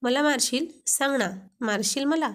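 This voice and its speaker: A woman's voice: high voice, normal speed, a bit bright. A woman voicing a playful young husband who keeps teasing his wife. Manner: teasing, joking.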